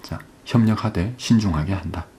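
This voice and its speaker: Male English teacher, deep voice, dark mellow tone, step-by-step explaining, slow drawn-out English phrases. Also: slight background noise. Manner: explains step by step, often asks "right?" (그죠?). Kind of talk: exam passage lecture.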